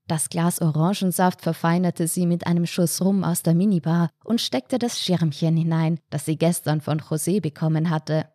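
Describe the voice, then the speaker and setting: Mellow low-voiced woman narrating. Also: normal speed, few pauses, dry recording, clean studio sound. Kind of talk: scripted story narration.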